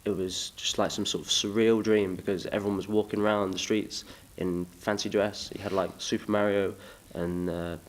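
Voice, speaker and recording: A man's voice: on the low side, little pitch movement, moderate pace, few pauses, soft background music. A young man from England chatting casually in an interview, rambling and self-deprecating. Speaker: musician, interview guest.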